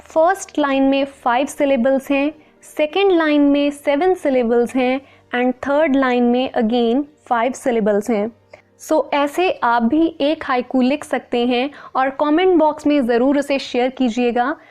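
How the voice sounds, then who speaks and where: High-voiced woman teaching a lesson. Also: a little slow, a little mellow. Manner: clear, patient, mixing Hindi and English. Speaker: English teacher. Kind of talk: explaining a lesson to camera.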